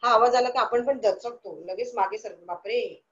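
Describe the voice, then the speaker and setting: In an online class for young children, a woman with a fairly high pitch and moderate pace poses questions to the class and answers them herself. Her manner is sing-song and coaxing, and the sound is lo-fi.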